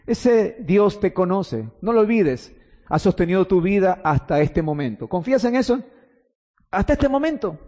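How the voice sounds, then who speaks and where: A man with a high, mellow voice preaches a sermon in a hall that rings with long reverb. He swings from loud, urgent exclamations to hushed, slowly stretched words. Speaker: pastor.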